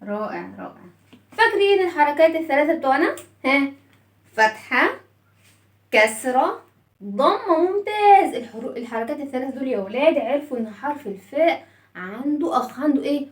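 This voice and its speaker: A woman's voice: high-pitched, animated, a little fast, roomy sound, recorded from a distance. A woman with an Egyptian Arabic accent teaching children their letters, asking questions and praising their answers, and telling the letters' story as characters. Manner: call-and-response, praising children. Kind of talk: children's phonics lesson.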